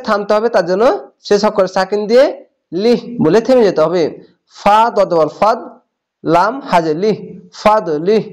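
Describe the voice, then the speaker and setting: High-voiced man teaching Quran recitation. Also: darkish tone. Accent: Bangladeshi Bengali. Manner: spells syllables slowly, then blends them into words. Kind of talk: step-by-step spelling and recitation lesson.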